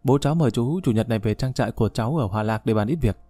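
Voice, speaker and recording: A man voicing a polite, quick-witted young man who is eager to please. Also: medium pitch, warm tone, dry recording, faint music behind, close to an everyday voice.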